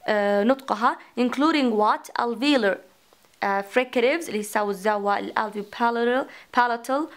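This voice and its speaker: Woman lecturer, slightly high voice, talks herself through questions. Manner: mixes English terms into Arabic, asks and answers her own questions. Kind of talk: recorded phonetics lecture.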